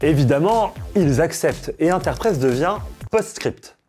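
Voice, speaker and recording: A man's voice: fairly high pitch, expressive, unhurried, darkish tone, soft background music. A man hosting a tech explainer, narrating a script with playful, jokey asides to the viewers. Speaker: host of a tech channel.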